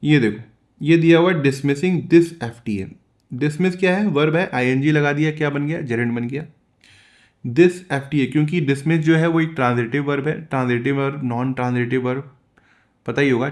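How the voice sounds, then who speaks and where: A man teaching English comprehension, reading passages slowly in English and explaining them in Hindi, asking and answering his own questions. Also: medium pitch, fairly even intonation. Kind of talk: bilingual lesson explaining an editorial.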